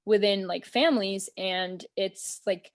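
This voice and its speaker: A young adult woman from the United States, heard on a video call, speaks at a measured pace in a mid-range voice. As an interview guest in a casual conversation from a small room at home, she's relaxed, earnest and thoughtful, often saying "um" and "like."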